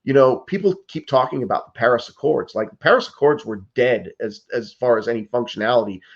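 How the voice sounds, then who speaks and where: In interview answers, a U.S. political candidate in his fifties speaks earnestly and pressingly, a little fast, stumbling into restarts and relying on "like" and "you know." His voice is mid-pitched, and the dull, muffled audio sounds as though it came through a video call.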